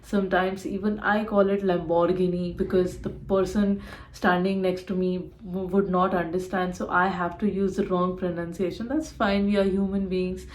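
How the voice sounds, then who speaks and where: A young woman presents a pronunciation tutorial on her channel. She explains patiently and repeats each word slowly. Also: lowish voice, little pitch movement, a little mellow. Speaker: YouTube creator.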